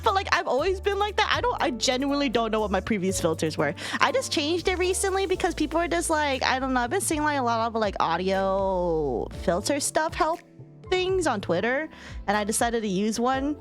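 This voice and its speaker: A woman's voice: fairly high pitch, big pitch swings, moderate pace. A woman in her late twenties chatting casually on a gaming livestream, with a giggly manner. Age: late 20s. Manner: giggly, laughs often. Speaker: livestream host. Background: music.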